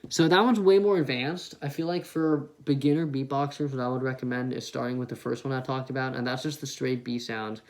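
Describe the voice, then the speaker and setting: A man teaching beatboxing in a relaxed, casual way, speaking into a headset mic. He breaks each sound down step by step and demonstrates it himself. His voice sits at an ordinary middle pitch. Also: a little fast, few pauses. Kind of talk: casual tutorial.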